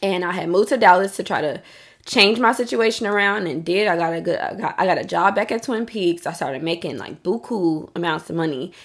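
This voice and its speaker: A woman's voice: on the low side, brisk. A woman co-hosting a podcast, telling a personal story in a candid, emphatic way, cursing often and saying "like" a lot. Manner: emphatic, profane storytelling with frequent "like". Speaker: podcast co-host. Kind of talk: candid casual podcast chat. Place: Dallas.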